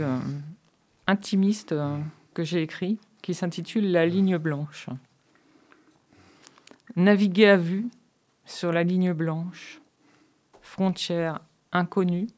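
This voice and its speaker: A woman introduces and reads poems with calm deliberation, pausing on fillers before each text. Her voice sits a little low and she takes her time over every line. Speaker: poetry reader. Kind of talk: slow, measured poetry reading.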